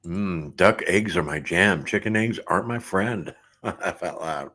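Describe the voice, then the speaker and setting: A middle-aged man with a low voice hosts a casual livestream at a slightly slow pace. He reads viewer comments aloud and chats in a relaxed way, laughing often.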